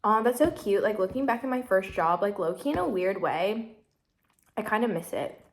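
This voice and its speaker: A woman's voice: mid-range voice, lively intonation, moderate pace. A woman in her twenties talking casually to camera while eating, rambling with lots of "like" and "literally," sometimes with her mouth full. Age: 20s. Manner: chatty, rambling, heavy use of "like" and "literally". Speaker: vlogger. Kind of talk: casual mukbang chat.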